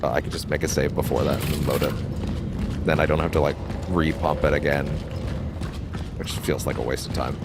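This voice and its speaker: A man with a very deep voice talks briskly but pauses often while playing a game for his let's play channel. His casual commentary rambles, restarts repeatedly, and includes plenty of swearing over steady background noise.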